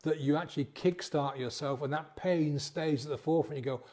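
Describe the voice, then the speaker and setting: His voice is a little high and mellow, and he talks slightly fast. This sobriety coach keeps his motivational talk casual and conversational, voicing inner thoughts aloud and tagging lines with frequent "yeah?" check-ins.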